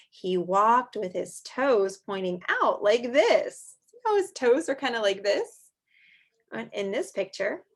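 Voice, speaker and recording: With a high voice, a woman reads a story aloud to young children in a teacherly way. She stretches out the story's words expressively and mixes in chatty asides and questions.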